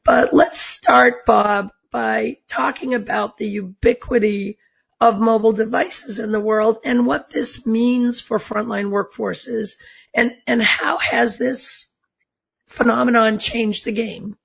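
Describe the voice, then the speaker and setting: Woman podcast host, squeaky hoarse strained allergy voice, super raspy and croaky, kinda muffled audio. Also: fairly even intonation, slow pace. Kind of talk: interview hosting.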